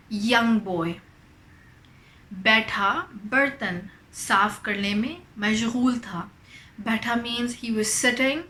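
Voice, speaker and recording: Woman teacher reading a story out loud and explaining bit by bit, really slow, echoey room. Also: a little high, slight background noise. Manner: slow careful glosses in English between faster explanations. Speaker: language teacher.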